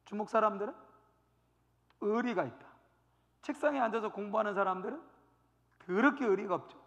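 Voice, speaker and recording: A male pastor teaching a Bible study sermon, telling the story in a lively way with lots of rhetorical questions and acted-out scenes. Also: high voice, fairly quick, vocal fry, big-room sound, lo-fi sound. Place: church sanctuary.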